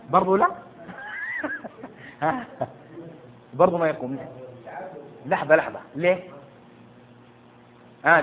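Fast-talking sheikh quizzing his class. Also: sits high. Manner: quizzes and hushes students; stumbles and repeats words. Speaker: sheikh teaching jurisprudence. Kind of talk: interactive classroom lesson. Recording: tinny lo-fi with faint noise.

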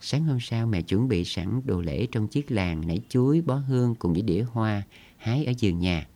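A man narrates an audio story in a steady, measured way, his voice very low and deep. The reading is scripted and unhurried.

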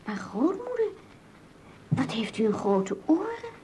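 A woman's voice: high-pitched, big pitch swings, unhurried, mellow, breathy edge, exaggerated voice. A woman playing an innocent, polite little girl in a fairy tale radio play, naive and sing-song. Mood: wondering.

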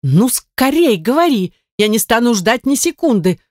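A woman voicing an impatient, quarrelsome noblewoman who gives sharp, insistent commands. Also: medium pitch, expressive, normal speed, dry recording, studio quality, close to an everyday voice. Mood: demanding.

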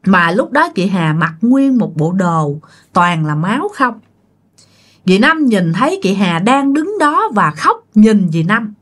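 A woman's voice: mid-range voice, sing-song, takes it slowly, fairly bright tone. A woman narrating a ghost story in a chatty way, talking straight to her listeners. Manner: chatty, addresses listeners directly.

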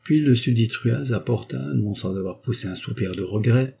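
Husky low male audiobook narrator. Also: moderate pace, mellow. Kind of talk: scripted narration.

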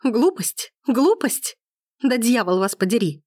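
A woman's voice: medium pitch, lively intonation, a little fast, no room sound, clean studio sound, natural voice. A woman reading an audiobook, voicing an enraged young woman who hurls angry accusations. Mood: furious. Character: furious young woman in period romance.

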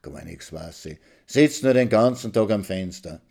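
A man voicing a bitter paralyzed old woman who groans and whines in a drawn-out, prayer-like melody. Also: lowish voice, lively intonation, gravelly, a little mellow, husky, heavily acted. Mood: grumbling. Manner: groaning venomously.

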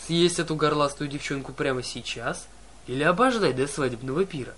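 A man voicing a huge brutish male cyclops in a storybook reading, growling and slow. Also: a little high, animated, fairly bright tone. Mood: menacing.

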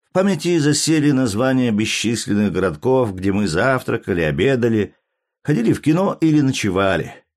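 A man reading a travel story aloud as narrator, in a measured, lightly dramatic way. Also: medium pitch, sing-song, darkish tone. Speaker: audiobook reader. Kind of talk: scripted narration.

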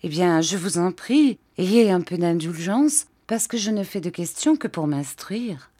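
A woman's voice: lowish voice, expressive, unhurried, warm tone, slightly rough. A woman reading an audiobook, voicing an ironic young woman who speaks with feigned innocence and pointed, raised questions.

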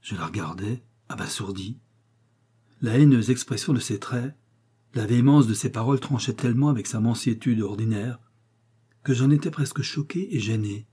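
A man narrating a literary short story in a measured, steady reading. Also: mid-range voice, breathy edge. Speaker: audiobook narrator.

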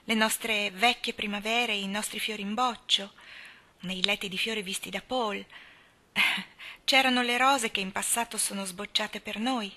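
A dreamy, imaginative young woman from a classic novel, musing aloud, as a woman narrator puts her on. Her bright voice drifts along in a reflective, faraway way. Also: medium pitch, steady tone, measured pace.

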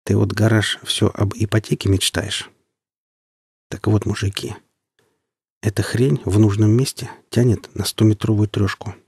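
A man voicing a shrewd, steady male scavenger leader in an audiobook story, giving matter-of-fact warnings. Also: mid-range voice, a little fast, creaky, husky, no echo, studio quality. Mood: calm, knowing.

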